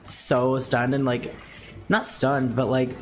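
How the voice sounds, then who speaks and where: A young adult woman chatting casually on a livestream, rambling with lots of fillers and casual swearing, her pitch jumping up and down as she talks. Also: slow, soft background music. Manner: animated, wide pitch swings. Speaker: streamer.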